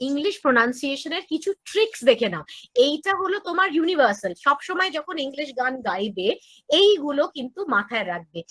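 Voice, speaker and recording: A woman teaching children to sing over a video call. She sings lines slowly, then explains pronunciation quickly in mixed with English. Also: high voice, sharp tone, no echo. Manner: drills English pronunciation line by line. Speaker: singing teacher. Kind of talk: online singing lesson for children.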